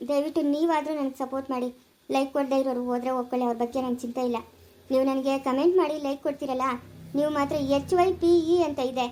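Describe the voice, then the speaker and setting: A woman hosts her own channel, pleading with viewers in a high, fast voice. She keeps repeating her appeal, earnest and insistent, with a Chikkaballapura Kannada accent. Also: darkish tone. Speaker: channel host.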